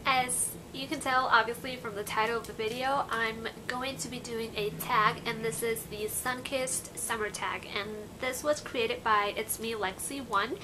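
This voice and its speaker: A woman's voice: fairly high pitch, steady tone, moderate pace, hardly any pauses, noisy background. A woman in her twenties from Peru, chatting casually to camera about summer, with lots of "like" and "you know". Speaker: beauty vlogger. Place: bedroom, indoors. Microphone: camera in front at close range.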